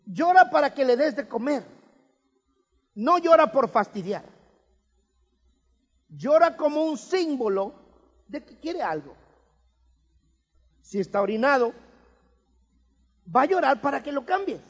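A man's voice: very high voice, very animated, unhurried, long pauses. A man preaching a sermon with emphatic rhetorical questions and touches of humor. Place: church hall. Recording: reverberant hall, dull lo-fi sound.

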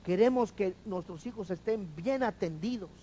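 A man's voice: sits high, normal speed, dark tone, highs cut off, slight background noise. A man preaching a sermon, firing rhetorical questions at the congregation and having them repeat after him.

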